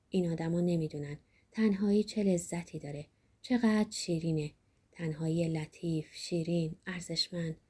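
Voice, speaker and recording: Woman narrating a diary, low breathy voice, dark mellow tone, pitch moves around a lot. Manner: soft, reflective, often dropping to a near whisper. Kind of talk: scripted narration of a literary diary.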